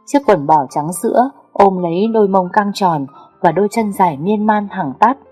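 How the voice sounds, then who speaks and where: A woman narrating a first-person story, reading slowly with a melancholy tone. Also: mid-range voice, darkish tone, breathy edge, faint music behind.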